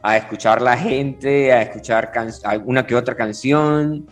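A man, casually telling funny anecdotes as a lively storyteller who restarts often. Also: medium pitch, measured pace, faint music behind.

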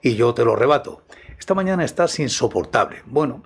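A man voicing a testy, pedantic man who bickers with his own reflection in a comic scripted dialogue, in a husky voice. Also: medium pitch, animated, brisk. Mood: exasperated.

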